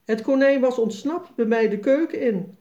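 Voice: medium pitch, normal speed, mellow, dull audio, pitched above the performer's own voice, lightly acted. A storybook reader voicing a fussy, exclaiming middle-aged neighbor woman.

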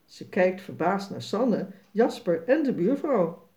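Slow expressive reader, mellow warm tone, reading a kids' story. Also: mid-range voice. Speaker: narrator.

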